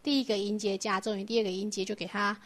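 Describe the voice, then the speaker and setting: A woman's voice: mid-range voice, level tone, fast, fairly bright tone. A woman teaching a Buddhist doctrine lecture, explaining patiently and asking her class rhetorical questions.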